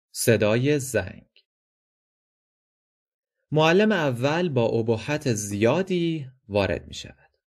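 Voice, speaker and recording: A man narrating a play as an audiobook, reading stage directions in a measured, expressive way. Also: on the low side.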